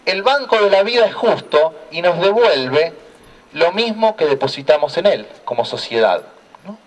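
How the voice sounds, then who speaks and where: A man from Argentina giving a preaching talk at an outdoor square, telling a story slowly with a repeated refrain. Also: a little high, sing-song. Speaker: church speaker. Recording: voice heard from a distance.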